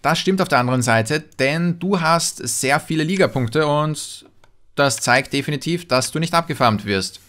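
A man doing casual gaming commentary, chatting and answering viewer messages as a let's player. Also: a bit bright. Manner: chatty, jumps in pitch when reading names.

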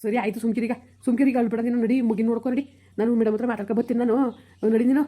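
A woman playing a poor, worried village father who pleads rapidly with the doctor and snaps at his wife in an amateur skit. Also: a little high, fairly even intonation, dark tone, natural voice. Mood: gruff.

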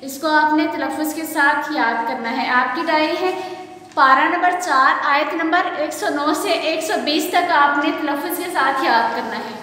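A woman teaching Quran recitation, reciting slowly and patiently explaining each rule, asking and answering her own questions. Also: high voice, bright, forceful tone. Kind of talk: recorded online class lesson. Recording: very echoey hall, faint background noise.

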